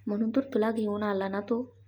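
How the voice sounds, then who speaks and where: A woman's voice: medium pitch, fairly even intonation, moderate pace, warm tone, husky, natural voice. A woman voicing a cheeky young sister-in-law. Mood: teasing. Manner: cheeky and theatrical.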